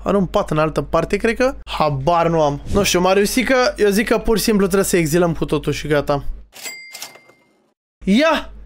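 A young man giving casual, excitable gaming commentary, teasing other players and talking to his viewers. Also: high voice, few pauses. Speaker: streamer playing a Minecraft role-play server.

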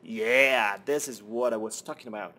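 A man's voice: mid-range voice, moderate pace, pushed and bright. A young man rambling and swearing to himself while commentating a building game, often muttering under his breath. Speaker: Minecraft let's-play host. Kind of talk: casual gameplay commentary.

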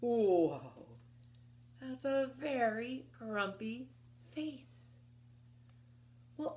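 This woman's voice sits a little high as she presents story time for young kids in a small home room full of books. She takes her time, speaking deliberately with a very animated, rising-and-falling melody, reading picture books and rhymes, posing questions, and cheering her listeners on expressively.

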